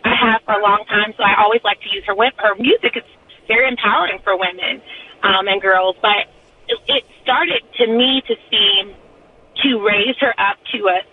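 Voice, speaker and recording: A woman's voice: medium pitch, moderate pace. A woman calling in to a radio show over the phone. She speaks earnestly and thoughtfully, with frequent ums. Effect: heard over a phone line. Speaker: caller. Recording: tinny phone line.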